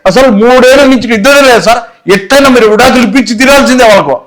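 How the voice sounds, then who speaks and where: A man's voice: very high voice, rapid-fire, fairly bright tone, low-quality recording. A man playing an exasperated complaining neighbor. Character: sleepless complaining male neighbor.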